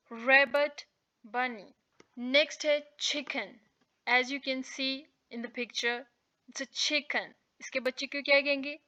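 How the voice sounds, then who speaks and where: A woman teaching English vocabulary, repeating each word slowly and asking and answering her own questions. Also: high voice, bright, forceful tone, highs cut off. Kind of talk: slow vocabulary lesson with repetition.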